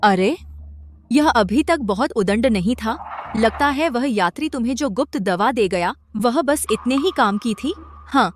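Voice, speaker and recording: An actress playing a haughty, scheming mistress of the house who sneers and gives orders, in dubbed drama acting. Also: female voice, on the high side, lively intonation, a little slow, a little hiss or hum. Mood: commanding. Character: haughty, scheming stepmother, middle-aged woman.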